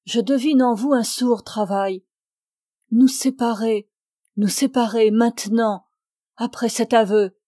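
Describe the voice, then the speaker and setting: A woman reading the part of an earnest, devout young man who declares his love solemnly and pleads with fervour, in a slow, mellow voice. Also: a little high, steady tone, dry recording, studio quality. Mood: fervent.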